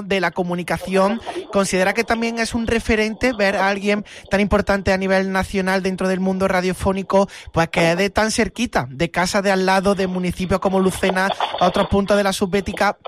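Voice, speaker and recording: A man's voice: high voice, dry recording. A man hosting a radio interview, with a formal, announcer-like delivery. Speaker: radio host.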